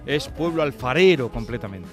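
A man's voice: medium pitch, animated, normal speed, over music. A man hosting a radio chat show who jokes playfully with his guests and reads announcements.

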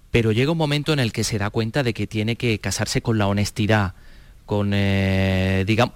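Male interviewer, mid-pitched voice, conversational, reflective questioning. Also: dry recording. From Andalusia, Spain.

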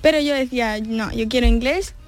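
A woman, a guest chatting about learning languages. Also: a little high. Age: 20s. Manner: quick chatty with fillers. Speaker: guest, English teacher. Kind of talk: casual interview chat.

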